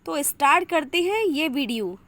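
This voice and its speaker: A woman from India narrating a children's story in a gentle, expressive way. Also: high voice. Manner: gentle, expressive, slow telling.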